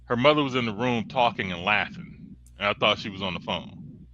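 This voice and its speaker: A man's voice: fairly low pitch, fairly quick, bright, forceful tone, muffled recording, slight background noise. A man co-hosting a podcast in casual chat, telling stories animatedly and swearing freely. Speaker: podcast co-host.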